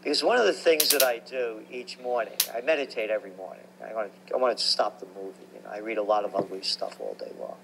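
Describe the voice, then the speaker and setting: A man, telling stories about his life as a guest in an animated, emphatic way. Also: on the low side, quick pace, vocal fry, hardly any pauses, noisy background. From New York. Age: 60s. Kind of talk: conversational storytelling.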